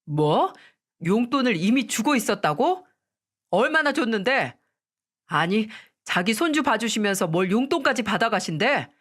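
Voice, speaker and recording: An arrogant newly promoted husband, as a woman reads him in a dramatized story, curt and irritated. He sounds dismissive and talks at a middling pitch. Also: animated, normal speed, fairly bright tone, natural voice.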